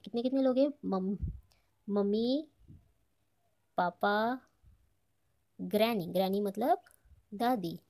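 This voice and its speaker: Warm-voiced Indian woman teaching children. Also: medium pitch. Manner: reads English lines slowly, then explains them in casual Hindi; addresses children, asks and answers her own questions. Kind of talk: textbook lesson explained to children.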